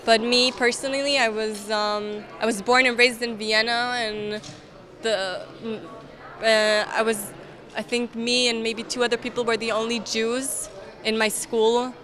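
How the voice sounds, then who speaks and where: A woman in her twenties from Austria, speaking English with an Austrian accent, answering interview questions in an earnest, measured way with hesitant restarts. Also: a little high, little pitch movement, a bit bright, soft background music. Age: 20s. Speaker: interviewee, soldier. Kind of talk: event interview. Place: indoor event hall, crowded.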